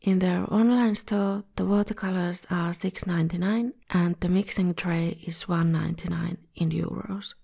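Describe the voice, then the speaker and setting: A woman's voice: fairly low pitch, fairly even intonation, normal speed, vocal fry, few pauses, warm tone. A woman with a slightly scratchy voice, a bit under the weather, narrating an art tutorial as its host in a scripted style. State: a bit ill. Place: voice-over recording.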